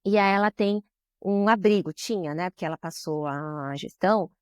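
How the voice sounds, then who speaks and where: A woman's voice: on the low side, moderate pace, clean tone, no room sound, studio quality. A woman with a Brazilian Portuguese accent, a guest in a podcast interview, telling stories with feeling and often tagging her sentences with questions. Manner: emotional, frequent tag questions. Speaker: guest, social business director.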